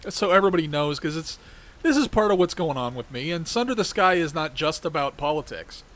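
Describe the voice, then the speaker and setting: A man's voice: fairly high pitch, animated, brisk, a bit bright. A middle-aged man hosting his own show, talking in a rambling, conversational way with a congested voice that keeps cracking. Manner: heated and ranting, then rambling and conversational. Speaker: podcast host. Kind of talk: casual political monologue.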